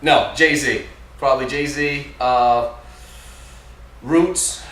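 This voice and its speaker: A man's voice: medium pitch, fairly even intonation, drawn-out words, fairly bright tone. A man from New Jersey, a stand-up comedian, talking casually in an interview, chatty with lots of fillers and restarts. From New Jersey, USA. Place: theater. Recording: echoey, distant, noisy theater recording.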